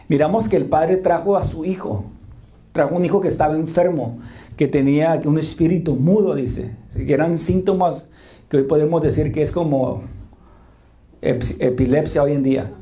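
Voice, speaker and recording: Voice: mid-range voice, warm tone. A pastor preaching a conversational sermon in a church sanctuary, often checking in with the congregation and restarting phrases. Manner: informal, checks in with the congregation with quick questions; restarts and corrects phrases while talking.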